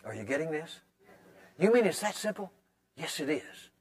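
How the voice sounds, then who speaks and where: A man's voice: on the high side, very animated, moderate pace. Middle-aged preacher guy, folksy and conversational, keeps repeating words for emphasis. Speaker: pastor. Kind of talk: sermon.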